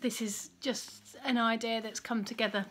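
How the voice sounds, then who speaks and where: A woman reading a children's Bible story aloud for a Sunday school, expressive, with hushed passages. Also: fairly high pitch, normal speed, a little hiss or hum.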